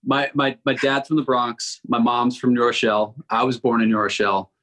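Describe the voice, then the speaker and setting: A man in his forties from Connecticut answers as a podcast guest. His voice sits at an ordinary middle pitch, and he speaks in halting bursts, repeating words as he thinks. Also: little pitch movement, a bit bright. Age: 40s. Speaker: record label founder, guest. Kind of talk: casual interview chat.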